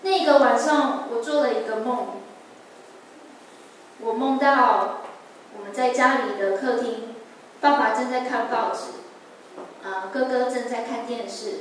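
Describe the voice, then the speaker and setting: A woman's voice: fairly high pitch, a little slow, pauses often. A woman in her twenties giving an earnest, emotional personal testimony at a church service. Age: 20s. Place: church sanctuary. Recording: echoey church hall, distant mic, faint noise.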